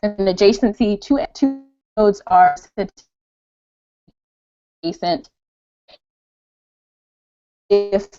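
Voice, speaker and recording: A woman giving a technical lecture over a video call, halting and full of ums, her audio breaking up and fading in and out over a bad connection. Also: mid-range voice, muffled recording. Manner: halting, many ums and restarts. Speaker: presenter.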